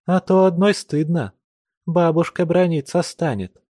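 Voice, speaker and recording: A man's voice: a little high, unhurried, warm tone, dry recording, clean studio sound, pitched above the performer's own voice. A man putting on a playful young village girl. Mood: girlish, playful. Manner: playful, coy, teasing.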